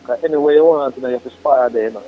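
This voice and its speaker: A man's voice: medium pitch, rapid-fire, slight background noise. A Jamaican man speaking casual, slangy patois on a tinny three-way phone call. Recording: tinny phone line with faint music.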